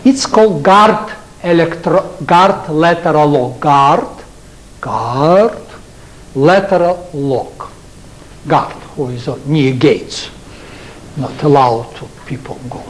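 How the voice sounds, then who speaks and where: An older man with a Russian accent giving a university lecture, speaking in halting English and asking his students rhetorical questions. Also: fairly high pitch, poor audio. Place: lecture hall.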